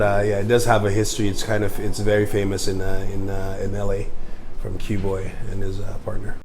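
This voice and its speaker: Low-voiced man, rambling, noisy room. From Canada. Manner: relaxed, rambling, many fillers. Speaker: interviewee, businessman. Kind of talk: casual interview answers. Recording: noisy background hum.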